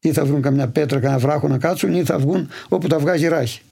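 A livestock farmer from Imathia, answering interview questions in detailed, steady storytelling. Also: male voice, fairly high pitch, vocal fry, husky. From Imathia, Greece.

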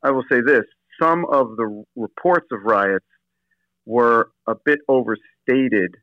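Man over the phone, guest pastor, halting with ums, muffled lo-fi line, dry sound. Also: mid-range voice, no echo. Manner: hesitant, many fillers and restarts. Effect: heard over the phone. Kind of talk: casual interview answers.

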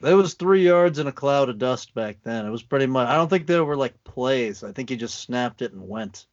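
A man's voice: medium pitch, expressive, moderate pace, a little mellow, dull audio. A man co-hosting a podcast, chatting casually about football, laid-back and laughing easily, with frequent restarts. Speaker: podcast co-host. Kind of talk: casual sports chat.

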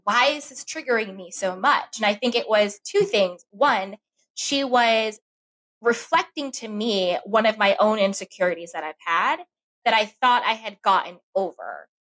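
A woman talking as a podcast guest, candid and animated, giving advice and telling personal stories. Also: medium pitch, moderate pace. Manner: animated, acts out her inner voice when telling stories.

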